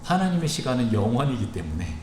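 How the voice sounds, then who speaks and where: A male pastor gives an evening sermon in an echoey church sanctuary. He speaks earnestly and with emphasis, pausing often between phrases. His voice sits at a middle pitch, with a faint hiss under the room's echo. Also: big pitch swings, warm tone. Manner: earnest and emphatic, with frequent pauses.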